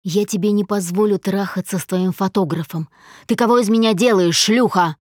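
A woman's voice: medium pitch, steady tone, fairly quick, dry recording, clean studio sound, natural voice. A woman voicing a domineering, jealous husband who speaks harshly and in clipped phrases.

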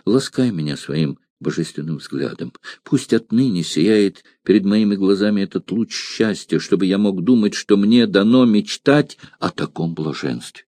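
A man's voice: medium pitch, moderate pace, dark tone, dry recording, clean studio sound, lightly acted. A man playing an ardent young gladiator in love. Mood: pleading. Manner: passionate, pleading, breathless.

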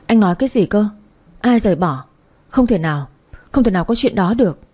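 A woman's voice: medium pitch, lively intonation, brisk, warm tone, husky. A woman voicing a young woman grieving the loss of her baby, pleading and tearful, in an audio story. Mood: distraught. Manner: sobbing, pleading.

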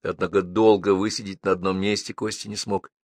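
A man reading an audiobook in a lively, dramatic narration style. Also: low-pitched, brisk, no room sound, studio quality. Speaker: audiobook reader.

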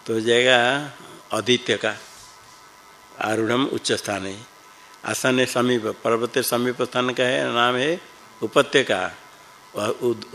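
A man teaches Sanskrit grammar in class, reciting rules slowly and patiently quizzing his students. His mid-range voice is bright and forceful, though the audio is poor.

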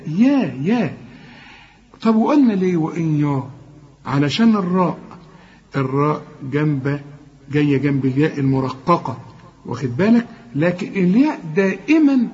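A man's voice: fairly high pitch, dark tone, highs cut off. Egyptian man teaching Quran recitation. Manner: explains rules, then slowly drawls out sounds. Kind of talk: tajweed lesson with recited verses.

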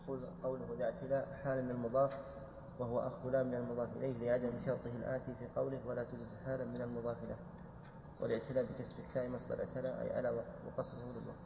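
Male student reader, fast and flat, gravelly, lo-fi roomy recording. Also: mid-range voice. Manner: reads quickly from a text. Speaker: student reading from a commentary. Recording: dull echoey hall recording with noise.

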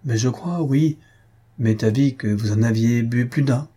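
A sly, indulgent old valet voiced by a man teases in hesitant, knowing hints. His husky, mellow voice rises in pitch for the role. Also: measured pace. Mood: teasing. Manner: teasing, hesitant.

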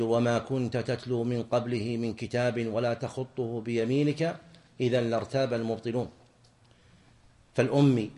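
A man teaching a classroom lesson on religious law, explaining point by point and quizzing his students with quick questions. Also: mid-range voice, a little mellow. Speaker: sheikh teaching jurisprudence.

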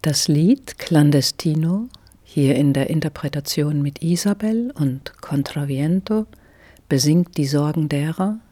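Calm, slow-speaking woman radio host. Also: low voice, no echo. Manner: calm, measured reading. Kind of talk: scripted radio presentation.

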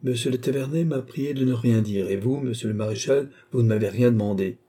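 A man voicing a composed, mysterious sorcerer count who delivers prophecies calmly. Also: mid-range voice, brisk, breathy edge, natural voice. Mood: knowing.

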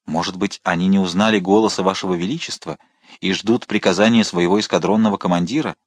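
A man playing a grave, calm noble musketeer. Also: no echo. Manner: low, measured and grave.

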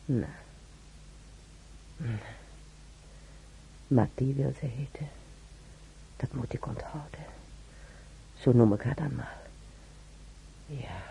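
On a clearly noisy old radio recording, a woman uses a very deep, warm voice in a full character performance. She plays a wry, chatty elderly hospital patient who used to be a maid, rambling in colloquial speech and muttering wistfully to herself.

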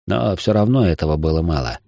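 Male audiobook narrator, first person, measured; low, dark and dry. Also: lively intonation, creaky, no echo.

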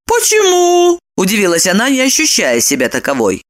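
A woman narrating an audiobook in an expressive, lively storytelling manner. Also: lowish voice, normal speed.

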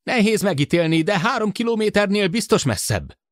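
A man's voice: sits high, sing-song, no echo, clean studio sound, pitched above the performer's own voice. A man voicing a cocky male helicopter pilot who talks back over the radio. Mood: defiant.

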